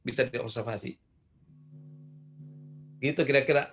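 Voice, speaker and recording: A man's voice: mid-range voice, fairly even intonation, unhurried, faint music behind. An older man speaking at a parenting seminar, telling stories and asking the audience questions. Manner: asks the audience questions, warm storytelling. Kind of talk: seminar talk answering questions.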